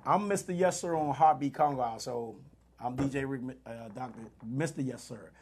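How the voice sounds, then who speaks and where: A man hosting a radio show, chatting loudly and excitably with guests in DC slang, with lots of quick restarts. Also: mid-range voice, slight background noise. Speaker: radio host. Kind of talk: casual studio chat.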